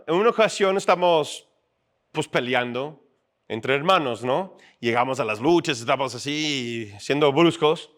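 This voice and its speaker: A pastor preaching in a relaxed, conversational way, weaving in stories from his own life. His voice sits high for a man and moves easily as he talks. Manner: conversational, anecdotal, acts out quotes. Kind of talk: sermon with personal storytelling.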